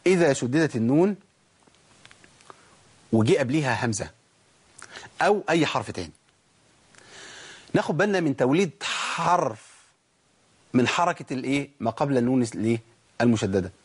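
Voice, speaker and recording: A middle-aged man with an Egyptian Arabic accent teaching a recitation lesson, asking himself quick questions and then chanting slow, drawn-out examples. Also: mid-range voice, expressive, husky. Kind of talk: Egyptian colloquial tajweed lesson.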